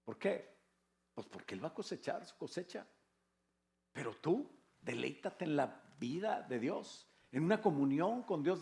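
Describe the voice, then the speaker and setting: A man's voice: on the high side, gravelly. An older man with a Mexican Spanish accent, a pastor preaching a sermon in a conversational way, with rhetorical questions and jokes. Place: church.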